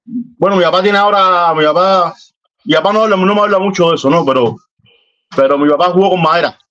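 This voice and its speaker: A man with a Cuban accent speaking earnestly and warmly in a casual chat, often ending lines with a questioning tag. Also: high voice, fast talker. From Cuba. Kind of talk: casual heartfelt conversation. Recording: dull lo-fi line.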